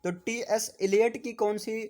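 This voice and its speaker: A man's voice: high-pitched, fairly even intonation, unhurried, a little mellow. A man with a Hindi accent giving a classroom lecture, repeatedly asking "है ना?" and spelling words out for his students. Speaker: teacher.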